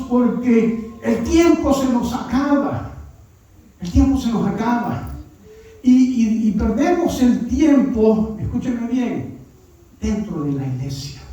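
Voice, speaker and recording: A man with a very high, mellow voice preaches a conversational sermon as a pastor in church, often tacking on tag questions and sometimes getting louder. The sound is muffled and very echoey, picked up by a distant mic in the church hall.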